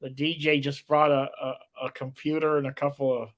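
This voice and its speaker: A man's voice: mid-range voice, little pitch movement, moderate pace, fairly bright tone. A man hosting a casual interview, talking with admiring enthusiasm and rambling, restarting sentences. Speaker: interview host.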